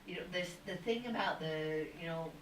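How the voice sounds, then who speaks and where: A woman's voice: on the low side, normal speed. A woman guest talking at length in a rambling, searching way, with frequent restarts, on a video call. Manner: rambling, spiritual, many restarts. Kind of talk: casual conversation. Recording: distant roomy mic with faint noise.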